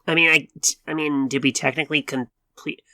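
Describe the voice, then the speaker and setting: A woman's voice: deep voice, fairly even intonation, brisk, pushed and bright. A woman bantering casually as a player in an improvised tabletop game, sometimes swearing.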